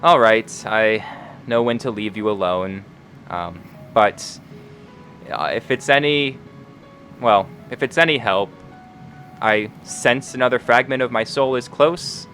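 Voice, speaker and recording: A man's voice: medium pitch, takes it slowly, a bit bright. An awkward little metal man, played by a man in a tabletop game. He is kindly and apologetic, hesitating as he goes, with music underneath. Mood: awkward concern.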